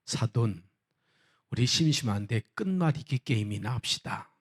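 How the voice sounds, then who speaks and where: A courteous elderly grandmother speaks with prim, insistent politeness, as a male preacher puts her on. She sounds proper and a little strained, and her voice sits at an ordinary middle pitch. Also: lively intonation, normal speed, natural voice. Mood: politely insistent. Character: polite elderly Seoul grandmother, growing exasperated.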